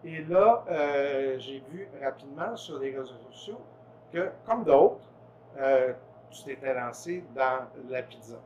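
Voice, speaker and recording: A man's voice: mid-range voice, expressive, slow pace, darkish tone, dull audio, slight background noise. A man hosting an interview, casual and conversational, steering with short questions. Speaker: interviewer, host. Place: production kitchen.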